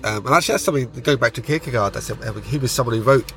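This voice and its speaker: A man's voice: mid-range voice, racing, a bit bright, a little hiss or hum. A man co-hosting a conversational podcast in a car park, explaining things earnestly with frequent digressions. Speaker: podcast co-host.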